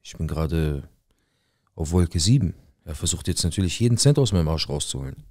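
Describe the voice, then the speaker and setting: A man's voice: sits low, lively intonation, fairly quick, darkish tone, no room sound, studio quality. A man telling a dramatic first-person life story, acting out the dialogue as he goes.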